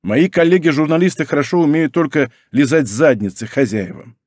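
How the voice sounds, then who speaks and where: A man's voice: on the high side, fairly quick, darkish tone, no room sound, studio quality, close to an everyday voice. A man voicing a nervous, jaded editor in his forties who grumbles sharply about his work. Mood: grumbling. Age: 40s. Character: jaded, nervous, expansive middle-aged male editor.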